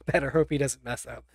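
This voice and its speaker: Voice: medium pitch, no room sound, studio quality. A game master narrating a tabletop role-playing game in a casual chat, laughing often between lines. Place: home streaming setup.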